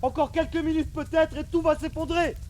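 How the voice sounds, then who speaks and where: A man's voice: very high-pitched, steady tone, a little fast, darkish tone, slight background noise. A man on an outdoor stage narrating a historical novel in an emphatic, declaiming manner. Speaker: narrator and actor.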